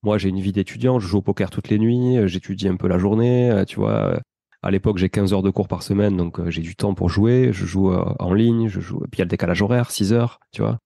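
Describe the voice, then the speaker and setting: A man of around forty with a Toulouse accent speaks in a low, gravelly, mellow voice. He tells his story as a chatty interview guest. The sound is dry and close. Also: quick pace, no echo. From France. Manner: chatty, addresses the host with "tu vois".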